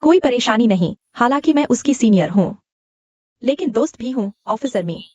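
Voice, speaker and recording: A woman's voice: fairly high pitch, animated, normal speed, a little mellow, no room sound, highs cut off. A woman dubbing a stern senior colleague who leads a team, scolding and professional. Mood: composed. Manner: scolding, crisp. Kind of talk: Hindi dub of a TV drama. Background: music.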